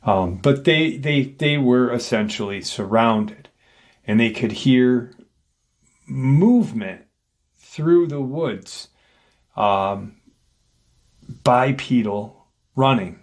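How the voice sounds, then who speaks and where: A man's voice: medium pitch, drawn-out words, pauses often. A man retelling a paranormal encounter account in unscripted speech, with frequent fillers and restarts. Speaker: paranormal story narrator.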